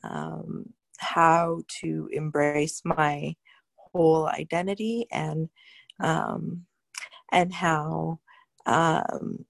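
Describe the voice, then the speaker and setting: A woman in an online group giving thanks in a slow, halting way with many pauses. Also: sits low, steady tone, gravelly, no room sound. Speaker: workshop participant.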